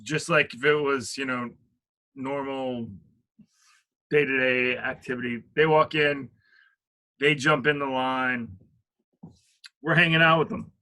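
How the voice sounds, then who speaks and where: Slow, bright-voiced man telling a story. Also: medium pitch, fairly even intonation. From Richmond, Virginia. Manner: rambling, with many fillers and restarts. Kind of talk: casual storytelling.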